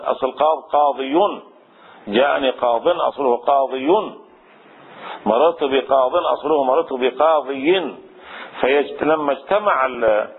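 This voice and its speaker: A man's voice: medium pitch, slightly rough. Man teaching grammar over tinny audio. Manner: explains step by step, repeats phrases, frequent restarts. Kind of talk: traditional grammar lesson. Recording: tinny phone-like radio sound.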